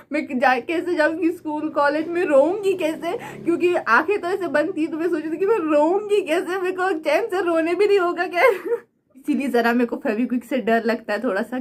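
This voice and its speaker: A young adult woman telling a story in a casual craft vlog, animated and dramatic, often laughing. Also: high voice. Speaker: craft vlogger.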